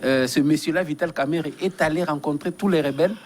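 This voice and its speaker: A man's voice: fairly high pitch, fast, a little mellow, a little hiss or hum. A man from DR Congo, a guest giving earnest, emphatic political commentary in a studio interview and often repeating his phrases.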